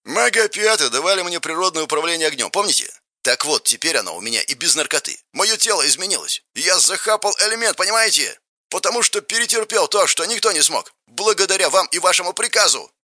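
A man's voice: sits high, very animated, fast, dry recording, clean studio sound, pitched above the performer's own voice, heavily acted. A man doing a shrieking, gleeful bandit henchman. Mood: eager. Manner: shouting gleefully, swearing. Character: excitable male bandit henchman, loud and crude.

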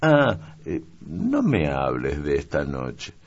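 A man voicing a refined, moody young noblewoman in a slow, deliberate, raised voice in an audiobook reading. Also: extremely low pitch, wildly swooping pitch, dull audio, full character voice.

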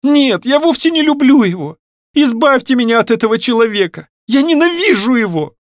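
A man reading an audiobook, voicing a frightened, tearful young noblewoman in a high pleading voice. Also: sing-song, normal speed, no room sound, clean studio sound. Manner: high pleading voice, near tears.

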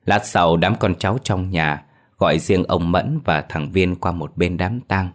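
Deep-voiced man narrating a ghost story. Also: a little slow. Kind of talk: scripted horror story narration.

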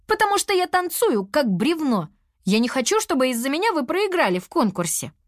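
A woman's voice: high-pitched, very animated, fairly quick, no echo, studio quality, pitched above the performer's own voice. Woman doing a whiny, upset young girl. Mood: gloomy. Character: clumsy gloomy young girl, apple-lover.

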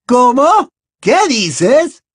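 A man's voice: sing-song, drawn-out words, husky, no echo, studio quality, exaggerated voice. Bellatrix, a man putting on a shrieking witch. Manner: shrill, screaming, frantic. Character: fanatical shrieking female witch servant. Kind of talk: audiobook character voice.

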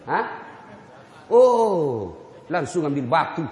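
Lively preacher, high, swooping voice, echoey hall. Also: male voice, slow pace. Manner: animated, rhetorical questions to the audience, joking. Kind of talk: lively Islamic sermon.

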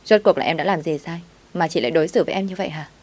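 A woman's voice: sits low, rapid-fire, a little mellow. A woman voicing a hot-tempered young female dishwasher who talks back. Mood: defiant. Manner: defiant.

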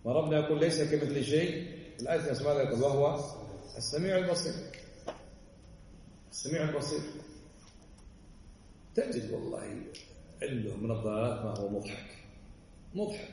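A man's voice: on the high side, fast talker, long pauses, mellow. Man lecturing from afar in an echoey hall. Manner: emphatic, fires rhetorical questions. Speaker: religious teacher. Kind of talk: lecture explaining a classic text. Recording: echoey hall, voice far from the mic, faint background noise.

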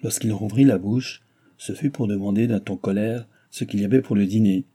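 A man reading a novel aloud as an audiobook narrator, in a measured, even storytelling manner. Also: fairly low pitch, breathy edge. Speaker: audiobook reader.

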